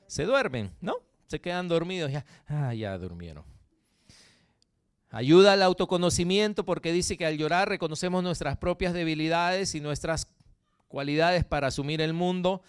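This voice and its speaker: Peruvian male pastor, lively and jokey delivery, slightly high, smooth tone. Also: dry recording, studio quality. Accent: Peruvian Spanish. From Peru. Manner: animated, jokey, frequent tag questions to the congregation. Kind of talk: sermon.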